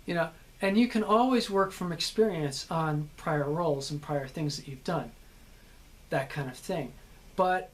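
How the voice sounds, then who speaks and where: A man, an actor, giving an earnest instructional talk on building a character, repeating points as he explains. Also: a little high.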